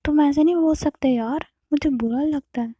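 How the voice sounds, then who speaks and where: A woman storyteller voicing a gentle young woman who keeps apologizing and coaxing her partner in a soft voice. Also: high voice, moderate pace, no room sound, clean studio sound, pitched above the performer's own voice, close to an everyday voice. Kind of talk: storytelling role-play.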